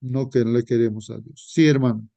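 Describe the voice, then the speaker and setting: A man leading a Sabbath school Bible study, slow and repetitive, often calling his listeners brothers. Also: medium pitch, steady tone, creaky, mellow, no room sound.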